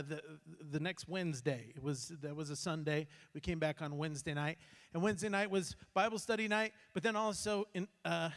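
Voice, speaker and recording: High-voiced man preaching in an echoey hall. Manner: animated, acts out quotes, frequent restarts. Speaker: pastor. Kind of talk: sermon storytelling. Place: church sanctuary. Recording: long hall reverb.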